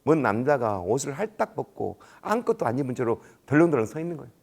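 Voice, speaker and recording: A man's voice: mid-range voice, big pitch swings, quick pace, gravelly, darkish tone. A middle-aged man giving a lecture at a staff training, telling colloquial anecdotes and acting out the dialogue. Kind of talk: storytelling lecture. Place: large conference room.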